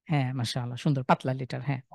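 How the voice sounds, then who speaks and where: A man's voice: mid-range voice, little pitch movement, vocal fry, no echo, clean studio sound. Patient Sylheti man teaching letters. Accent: Sylheti Bengali. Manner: patient, repeats letters slowly for students. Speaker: Quran recitation teacher. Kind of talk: live online tajweed class.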